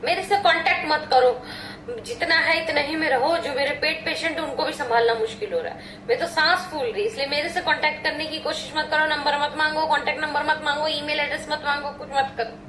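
A woman's voice: high-pitched, steady tone, a little fast, fairly bright tone, a little hiss or hum. A middle-aged woman doctor chatting casually in a live chat, giggly and playful as she tells stories and answers questions. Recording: roomy echo.

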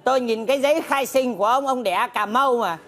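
A pompous village chief , acted by a woman, bossing people around and lecturing in a stage comedy sketch. The voice is high for a woman. A faint audience murmur sits behind it. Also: a little fast, a faint crowd, lightly acted. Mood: stern. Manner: bossy scolding and lecturing.

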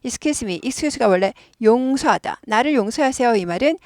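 A woman teaches English with a slightly high, gravelly voice. She explains phrases lively and repeats them for drills. The sound is dry and close. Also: normal speed, no room sound. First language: Korean.

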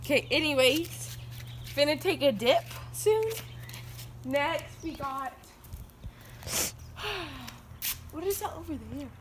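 A woman's voice: high-pitched, expressive, slow, long pauses, fairly bright tone. A young woman filming a joking, mock-boastful tour of a house and backyard, giggling as she goes. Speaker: vlogger. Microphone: handheld phone camera. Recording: roomy phone audio with background noise.

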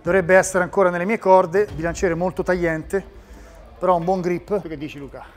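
A man's voice: sits high, fairly even intonation, brisk. A man hosting a lifting vlog in a gym with casual banter. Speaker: host and powerlifter.

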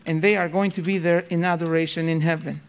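A male pastor preaching a sermon, telling the story dramatically and swinging between loud bursts and hushed, slow passages. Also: a little high, clean tone. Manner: repeats words when excited.

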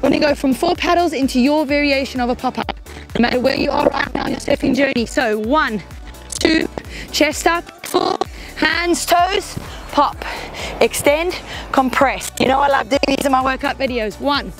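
A woman's voice: high voice, moderate pace, soft background music. A woman fitness instructor leading a workout, cheering on and counting down reps, a bit out of breath from moving along, with a mic close to her mouth. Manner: upbeat, encouraging, counting down reps. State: slightly out of breath while exercising. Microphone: headset or clip-on mic close to mouth.

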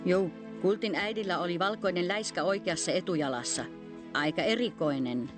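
A woman's voice: fairly low pitch, music in the background, natural voice. A woman voicing an old, wise tree that speaks in a grave, somber way.

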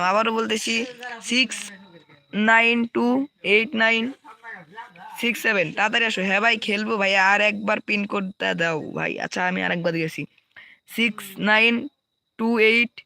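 A man's voice: sits high, fairly even intonation, normal speed, creaky, pushed and bright. A young man with a Bangladeshi Bengali accent, hosting a live gaming stream, reading out viewer names and repeating team codes.

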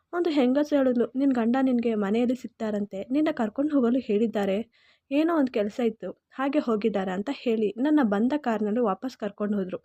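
A woman's voice: a little high, warm tone, no echo, lo-fi sound. A woman narrating an emotional first-person story in Kannada-accented speech, earnest and heartfelt.

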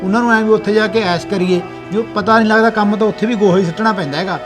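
An actor playing an earnest farmer elder brother who talks plainly and reassuringly. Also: male voice, high-pitched, fairly even intonation, very fast, soft background music, lightly acted. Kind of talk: village family drama acting.

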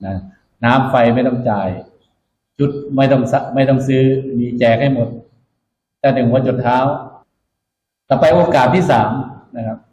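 A man's voice: mid-range voice, level tone, normal speed, pauses often, darkish tone. A man speaking as a military officer to new recruits, instructive and emphatic, repeating his key points in a motivational orientation speech. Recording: echoey room, dull muffled sound.

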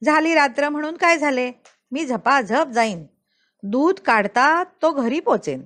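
A woman's voice: sits high, lively intonation, unhurried, a bit bright, pitched above the performer's own voice. Woman voicing a fearless, stubborn man. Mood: defiant.

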